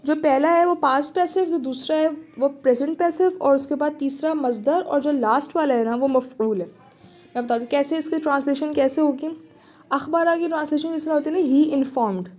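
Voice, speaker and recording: A woman's voice: sits high, brisk, darkish tone. A woman teaching Arabic grammar in an online lesson, explaining patiently, repeating the words and checking that her students understand.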